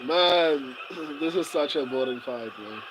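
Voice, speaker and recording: A man's voice: fairly high pitch, lively intonation, takes it slowly, background noise. A man hosting a casual fight watch-along stream, reading viewers' comments aloud with a laid-back, chuckling manner and lots of fillers and restarts.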